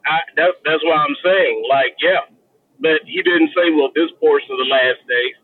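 A man's voice: a little high, moderate pace, breathy edge. A man in a casual group Bible discussion, heard through a staticky, CB-radio-like line from a car, pressing his point with repeated questions. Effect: staticky, CB-radio-like sound. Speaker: discussion participant. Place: in a moving car. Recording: tinny, phone-like line from a car.

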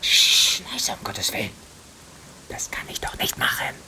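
Woman as a jumpy young male witness, low and animated, indignant, radio play. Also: fairly quick, a little hiss or hum. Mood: fearful whisper. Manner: indignant, jittery, whispers in fear.

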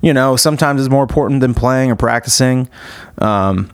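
In a smooth, mid-range voice at a moderate pace, a man in his thirties hosts a podcast. The intro and chat are casual, enthusiastic and rambling, dense with fillers and restarts. There's no room sound on the recording.

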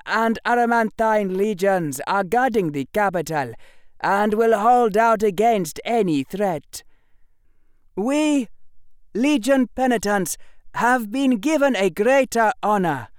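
Male actor as a loud, stern military commander who barks orders in a raised voice. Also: sits high, clean tone, no room sound, studio quality, pitched above the performer's own voice. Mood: commanding.

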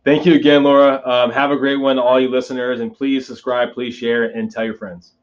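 A male podcast host with a mid-pitched voice chats with a guest in a conversational way. He rambles and rewords as he goes. The recording is a little dull and lo-fi. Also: little pitch movement, brisk. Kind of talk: conversational interview.

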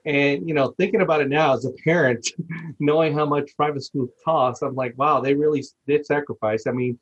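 A man's voice: fairly high pitch, steady tone, fairly quick, husky, lo-fi sound. A man from Puerto Rico, raised in Miami, telling his story as a guest on a casual podcast. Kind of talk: casual interview.

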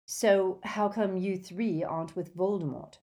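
A woman voicing a bold, quick-witted teenage schoolboy hero in an audiobook, wry and challenging. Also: medium pitch, steady tone, warm tone, close to an everyday voice. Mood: wry, stalling. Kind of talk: audiobook character voice.

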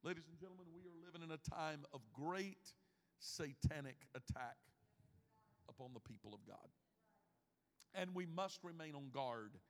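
A man in his fifties preaching a sermon as pastor, swinging from hushed lines to loud emphatic ones. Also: fairly high pitch, normal speed, pauses often. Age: 50s. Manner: preaching with big swings in loudness, from hushed to shouting. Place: church sanctuary. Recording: long reverb of a church hall.

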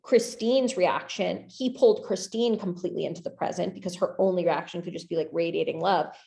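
Talking fairly quickly, this young woman filmmaker has a low-ish, gravelly yet mellow voice, recorded with a roomy sound. In casual conversation she eagerly rambles about making her film, full of fillers.

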